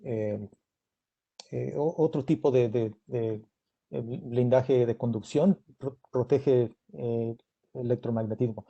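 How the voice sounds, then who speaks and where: A middle-aged Mexican-American man, a native English speaker with an American accent, answering as a guest engineer at a technical talk, haltingly searching for words in Spanish. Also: medium pitch, creaky, slightly rough, highs cut off.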